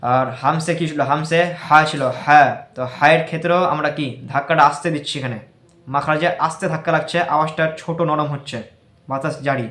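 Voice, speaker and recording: A man with a Bangladeshi Bengali accent gives a patient recitation lesson, sounding out single letters again and again. His voice sits a little high and stays quite flat. The room around him echoes. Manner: explains slowly, repeats and drills single letter sounds. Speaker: tajweed teacher.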